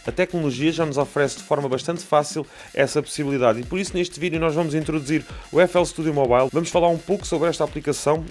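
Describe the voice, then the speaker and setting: A man with a European Portuguese accent hosting a music production channel, introducing a software tutorial and speaking directly to his viewers with enthusiasm. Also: mid-range voice.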